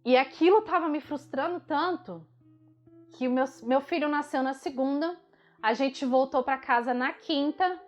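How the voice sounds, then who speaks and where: A woman's voice: high-pitched, moderate pace. A young woman from Brazil telling her own story of early motherhood, candid and emotional, often correcting herself mid-sentence. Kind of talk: personal storytelling. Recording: slightly dull recording with faint music.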